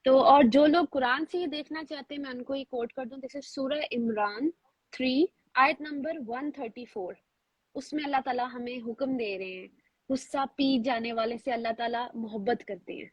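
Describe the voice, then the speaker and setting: A woman's voice: high-pitched, breathy edge, dry recording, muffled recording. A woman hosting a talk, chatty and affirming, relating the topic to her own life. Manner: chatty, shares personal stories, affirming. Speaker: host. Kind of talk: casual talk show chat.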